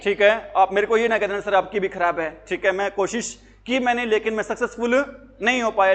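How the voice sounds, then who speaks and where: ऊँची आवाज़ वाला पुरुष शिक्षक, खुद से सवाल-जवाब करता हुआ. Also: male voice, high voice, fairly bright tone. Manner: call-and-response questioning, answers his own questions; jokey, tells anecdotes. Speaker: teacher. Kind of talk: exam-prep lesson.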